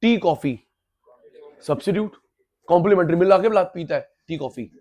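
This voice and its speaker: A man with a high voice lectures a live class. He hammers key terms through repetition and switches freely into English terminology. He gently scolds and teases his students as he goes. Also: moderate pace. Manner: lively, repetitive drilling, mixing Hindi and English terms; teasing, scolds latecomers playfully. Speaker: teacher.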